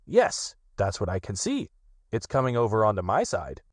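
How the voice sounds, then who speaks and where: A man voicing a small, timid male piglet with a raised, squeaky voice. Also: wildly swooping pitch, moderate pace, dry recording, studio quality. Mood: nervous.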